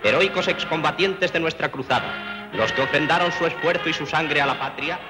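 A man's voice: fairly high pitch, moderate pace. An actor playing a solemn male newsreel announcer, declaiming grandly in the style of an old newsreel shown on a cinema screen. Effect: old newsreel played on a cinema screen. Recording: echoey cinema hall with music.

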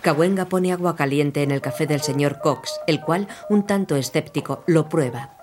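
A narrator reading scripted audio description in an even, neutral voice. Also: medium pitch, normal speed, music in the background.

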